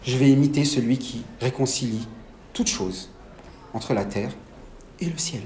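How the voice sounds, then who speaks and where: A man's voice: very high voice, echoey room. A man from France with a French accent, preaching a sermon and putting questions to the congregation. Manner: animated, asks the congregation questions.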